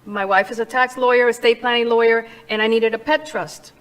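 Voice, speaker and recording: A woman's voice: on the high side, fairly even intonation, fairly quick, fairly bright tone, rough recording. A middle-aged woman from Cuba speaks as a guest in an interview. She tells her story earnestly and with passion. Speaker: guest, charity founder. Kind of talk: interview conversation.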